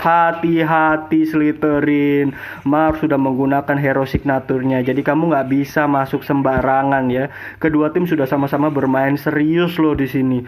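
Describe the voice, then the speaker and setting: A man commentating an esports match in an excited game announcer style, repeating names and throwing out rhetorical questions. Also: on the high side.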